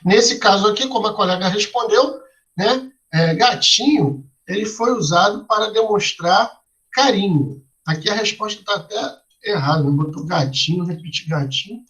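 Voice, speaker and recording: A man's voice: sits high, lively intonation, moderate pace, fairly bright tone, poor audio. A male teacher explaining a lesson step by step to a class, asking them questions and tagging his lines with "né?" and "tá?". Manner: tags lines with "né?" and "tá?".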